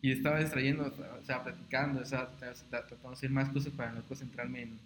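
A young man telling a personal story in a casual podcast chat, rambling and halting, often repeating words. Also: medium pitch, level tone. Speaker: podcast co-host. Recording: roomy echo, noisy background.

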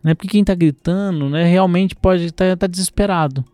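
A man's voice: high-pitched, moderate pace, no room sound, faint music behind. A man from Brazil, a lawyer in a conversational interview, acting out courtroom exchanges as he explains. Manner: animated, acts out courtroom exchanges.

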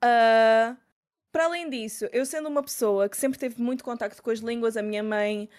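Young female guest, 20s, from Lisbon, European Portuguese accent with a northern tinge, slightly high voice, frank and talkative. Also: moderate pace, darkish tone. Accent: European Portuguese, Lisbon with northern Portuguese influence. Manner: chatty and frank, with frequent restarts. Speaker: guest streamer. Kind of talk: casual interview chat.

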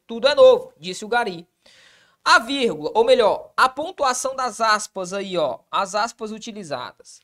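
A woman with a Brazilian Portuguese accent, teaching grammar for exam prep in a lively way, asking quick questions and answering them herself. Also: medium pitch.

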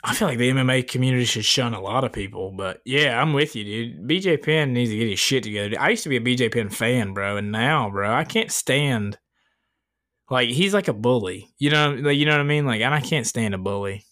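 A man's voice: mid-range voice, expressive, a little fast, fairly bright tone. A man co-hosting a podcast in casual, profane banter, jokey and full of slang. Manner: slangy, jokey, swears freely. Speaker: podcast co-host.

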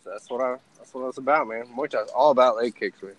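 Young male podcast host, loose and animated, cursing and laughing through fight stories. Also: medium pitch, quick pace. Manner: animated storyteller, swears freely, laughs often. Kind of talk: casual fight chat.

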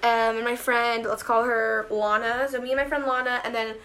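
A young woman with a high, bright, sharp-edged voice tells a story to friends. She talks casually and chattily, leaning on "like" and "um". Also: flat delivery, normal speed. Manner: bright, chatty, filler-heavy.

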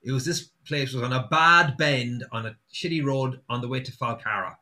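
A man's voice: mid-range voice, normal speed, pushed and bright. A man with a west of Ireland accent from Sligo, chatting casually and telling anecdotes as an interviewed musician.

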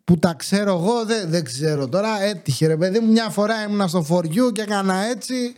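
A man's voice: high voice, a little mellow. A man hosting a podcast, telling stories about his neighbours in a chatty, joking way with mock exasperation. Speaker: podcast host. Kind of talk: casual storytelling monologue.

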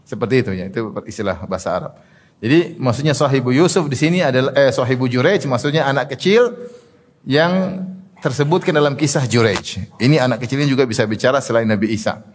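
Male religious teacher, mid-pitched voice, study lecture, explanatory, long hall reverb. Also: expressive, quick pace, a little hiss or hum. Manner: explains Arabic terms and narrations, often adds "ya" and "apa namanya". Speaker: Islamic teacher.

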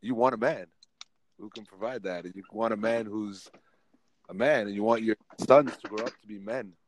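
Laid-back man in his forties, low voice. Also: moderate pace, a little hiss or hum, low-quality recording. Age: 40s. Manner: laid-back, laughs often, teasing. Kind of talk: casual chat.

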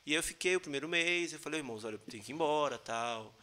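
A man chatting casually as a podcast guest, telling lively stories, often laughing and acting out what people said. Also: fairly high pitch, quick pace. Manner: animated storyteller, laughs often, acts out quoted lines.

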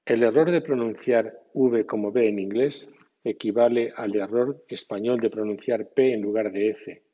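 A man's voice: on the low side, normal speed, warm tone, breathy edge. A man giving a scripted pronunciation lesson, carefully demonstrating sounds and example words one at a time. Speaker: pronunciation teacher. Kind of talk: scripted instructional podcast. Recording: dull lo-fi sound with long reverb.

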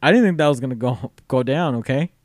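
A man co-hosting a podcast in casual chat, throwing out sassy, deadpan teasing comebacks. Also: mid-range voice, fast, no room sound, studio quality. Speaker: podcast co-host.

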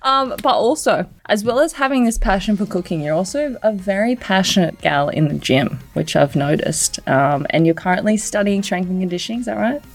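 A woman's voice: mid-range voice, expressive, brisk, few pauses. An Australian woman co-hosting a casual podcast, bubbly and playful with frequent giggles. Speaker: podcast co-host.

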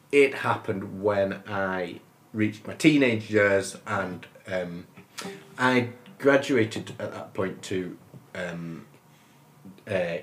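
A man in his fifties from northern England, a musician chatting as a guest in a relaxed, rambling, good-humoured way, often laughing as he talks. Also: fairly low pitch. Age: 50s. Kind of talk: casual interview chat.

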